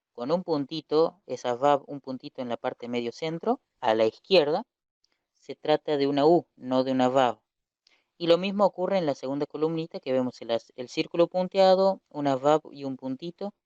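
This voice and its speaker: A man's voice: a little high, darkish tone, clean tone, no room sound. A man teaching a recorded Hebrew lesson, explaining patiently, repeating key points and correcting himself as he goes. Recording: dull lo-fi dry recording.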